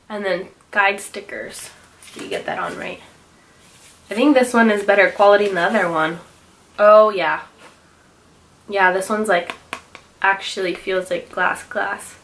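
A beauty vlogger in her twenties chats through a haul video in a small, bright bedroom with louvered closet doors, with slight background noise. Her mid-range, fairly bright voice is a little nasal from a cold, and she rambles chattily, often correcting herself.

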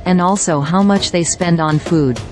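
A woman giving a scripted news narration in an even, measured newsreader delivery. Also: on the low side. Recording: faint music bed behind voice-over. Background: faint background music.

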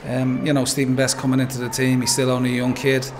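A man in his forties with an Irish accent, a football manager giving a measured post-match interview, full of "um" and "you know". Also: medium pitch, monotone, background noise. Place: pitchside interview backdrop, noisy. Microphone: handheld interviewer mic.

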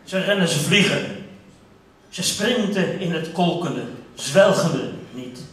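A man giving a dramatic poetic recitation on a theater stage, swinging between hushed and loud declamation. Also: a little high, expressive, takes it slowly, a little hiss or hum. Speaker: stage speaker. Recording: echoey theater, mic from far off.

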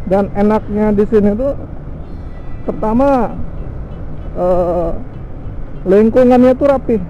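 Slow and high-pitched, this young Indonesian man jokes and laughs his way through a casual motorcycle vlog on a tree-lined road, using plenty of slang. His helmet-mounted action camera mic catches wind and engine noise, and the muffled recording carries soft background music.

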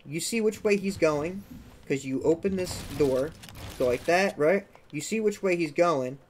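Young male gaming tutor, slightly high voice, casual, faint background hiss. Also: unhurried. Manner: chatty, keeps checking in with "okay?" and "right?"; sound effects like "boom" while demonstrating. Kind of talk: casual walkthrough commentary.

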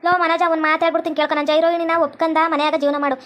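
A bossy cartoon mother-in-law, voiced by a woman, lectures in a North Karnataka accent. Her voice sits very high and stays on a flat, even tune. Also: rapid-fire. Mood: scolding. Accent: North Karnataka Kannada. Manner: lecturing, scolding. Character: bossy middle-aged mother-in-law, scolding. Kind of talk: cartoon comedy voice acting.

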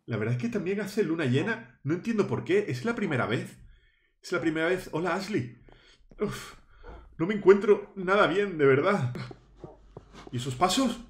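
Playacting fright in a Halloween Minecraft video, this YouTuber dramatically shrieks at scares and addresses his viewers. He speaks at a moderate pace with frequent pauses, his fairly high voice animated, and the room sounds echoey.

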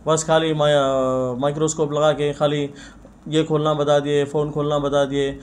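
A man's voice: fairly high pitch, little pitch movement, moderate pace. A young man, a shop owner talking earnestly to press mics, often adding blessings. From India. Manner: earnest, frequent religious blessings. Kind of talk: press interview. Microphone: bunch of press mics on table.

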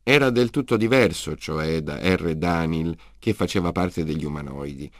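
Deep-voiced man narrating an audiobook. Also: normal speed, no room sound, clean studio sound.

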